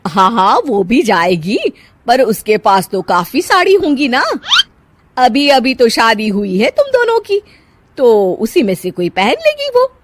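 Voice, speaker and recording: A woman's voice: fairly high pitch, sing-song, unhurried, slight background noise, voice pushed up. A woman voicing a stern, scolding middle-aged mother-in-law who plays favourites, for a cartoon.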